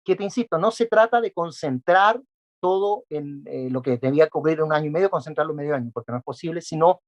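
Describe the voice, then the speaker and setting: Working through interview questions point by point, this male education specialist fills his answers with frequent fillers. He is not Peruvian; his pitch is fairly high, he talks fast, and the sound is lo-fi.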